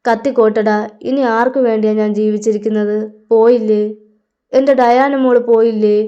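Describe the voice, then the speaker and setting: Drunk vengeful young guy, woman reading, smooth fairly high voice, lo-fi. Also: steady tone, normal speed, mellow, natural voice. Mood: raging grief. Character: young man, grief-stricken, drunk and vengeful. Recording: slightly dull lo-fi audio.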